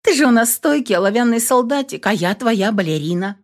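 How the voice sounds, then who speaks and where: A woman's voice: fairly high pitch, expressive, a little fast, voice pushed up. A woman voicing a bubbly, affectionate teenage girl of nearly eighteen who gushes and coaxes with pet names. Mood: comforting. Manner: gushing, coaxing, uses pet names.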